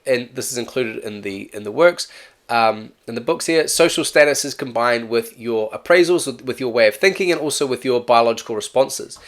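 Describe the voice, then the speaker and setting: A man with an accent giving a casual, chatty exam-prep lesson, often correcting himself and asking "right?". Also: mid-range voice. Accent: non-native or regional English accent. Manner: chatty, self-correcting, with frequent "right?" asides. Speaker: teacher.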